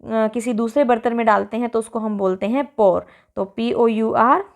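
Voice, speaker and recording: A woman teacher with an Indian English accent, explaining a school textbook lesson and reading example sentences slowly and clearly. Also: a little high, fairly even intonation.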